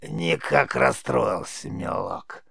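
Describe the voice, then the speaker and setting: A man reading an audiobook, voicing a spiteful old forest witch with a creaky voice. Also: medium pitch, wildly swooping pitch, takes it slowly, a bit bright, no echo, studio quality, exaggerated voice. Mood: mocking.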